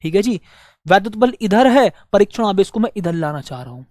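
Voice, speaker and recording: A male teacher leads a physics class, repeating each phrase slowly so students can take notes. He poses questions and answers them himself, and coaxes his listeners as dear friends. The voice is dry and close, with no room sound. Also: high voice, sing-song, no echo. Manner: warm coaxing address to students as dear friends. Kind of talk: physics lesson with dictated notes.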